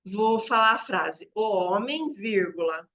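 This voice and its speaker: A woman's voice: medium pitch, expressive, slow pace, fairly bright tone, muffled recording. A woman educator, explaining to teachers and demonstrating examples aloud.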